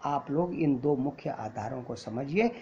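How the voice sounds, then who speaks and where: A man's voice: mid-range voice, animated, a little slow, mellow, slight background noise. A man teaching an acting class, explaining patiently and mixing English terms into his Hindi. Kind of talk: lecture. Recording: dull lo-fi recording.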